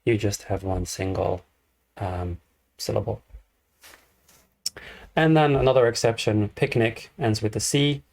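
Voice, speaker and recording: A man teaching an English grammar lesson, explaining slowly and repeating each example. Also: lowish voice, gravelly, darkish tone.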